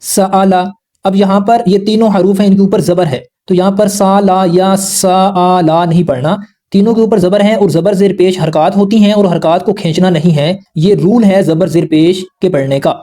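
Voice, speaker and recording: A man with a fairly high voice, teaching a lesson on recitation rules. He explains carefully and patiently, going over each rule again in plain words so beginners can keep up. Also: warm tone. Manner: patient, explanatory, repeats rules slowly and simply.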